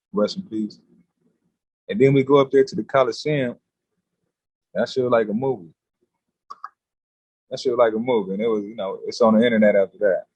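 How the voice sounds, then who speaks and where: Man, husky, dry recording, streetwise slang, animated storyteller, guest on a podcast. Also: mid-range voice, no room sound, muffled recording. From California. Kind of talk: casual storytelling.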